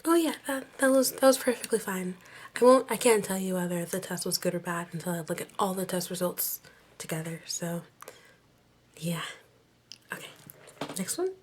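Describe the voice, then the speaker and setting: A woman's voice: fairly low pitch, moderate pace, pauses often, breathy edge. Whispering woman in a doctor roleplay. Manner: soft whispering, gentle and reassuring. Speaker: ASMR creator playing a doctor. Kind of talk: ASMR medical exam roleplay. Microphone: close microphone. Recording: noisy close-mic recording with clicks.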